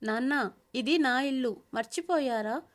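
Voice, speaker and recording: A woman's voice: high voice, unhurried. A woman voicing an arrogant grown son who scolds his family harshly.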